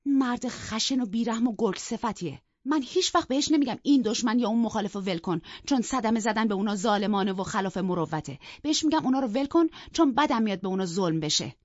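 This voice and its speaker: A woman voicing a proud, sharp-tongued young woman who mocks and scolds in an audiobook. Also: on the high side, animated, hardly any pauses, no room sound, pitched above the performer's own voice. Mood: scornful. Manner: cutting and mocking. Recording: dull, dry lo-fi recording.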